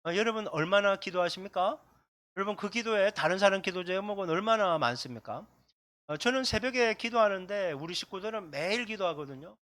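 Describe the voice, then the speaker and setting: A man's voice: high voice, expressive, brisk, a bit bright, no echo, clean studio sound. A middle-aged man from South Korea, a pastor preaching a sermon in a conversational way, pointing to slides and acting out quotes.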